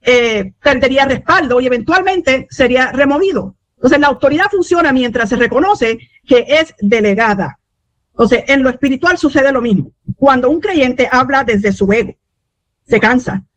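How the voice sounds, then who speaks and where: A woman delivers a Spanish-language teaching sermon in a high voice, recorded dry and close with almost no room sound. She speaks steadily, leaning on "eh" fillers and small restarts, and closes points with "amen.". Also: lively intonation, moderate pace, no echo, highs cut off. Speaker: preacher.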